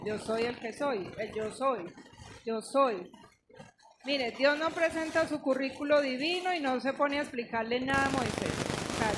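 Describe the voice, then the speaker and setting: A woman's voice: high-pitched, noisy background. A woman pastor preaching a sermon to her congregation, emphatic and questioning, teaching with questions. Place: church.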